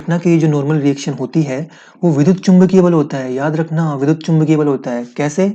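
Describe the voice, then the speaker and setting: A man's voice: fairly high pitch, fairly even intonation, brisk, mellow, dull audio. A man teaching a physics lesson, explaining step by step, asking his students questions and repeating key points.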